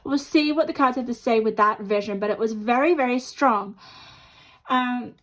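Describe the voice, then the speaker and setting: A woman's voice: fairly high pitch, moderate pace, fairly bright tone, low-quality recording. A woman giving a chatty intuitive tarot reading to viewers while her mouth is half numb from the dentist. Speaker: tarot card reader and host.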